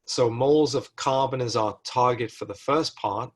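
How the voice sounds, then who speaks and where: This recorded lecture features a male instructor solving chemistry problems one step at a time. His voice sits at a medium pitch and moves at a normal speed, and he reasons aloud, fixing his wording partway through sentences.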